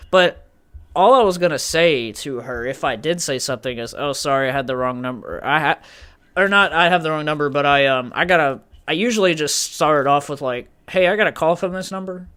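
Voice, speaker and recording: A man's voice: on the high side, a bit bright, clean tone. A young man co-hosting a podcast, telling a story in rambling casual chat with lots of restarts. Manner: rambling, full of fillers and restarts. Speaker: podcast co-host.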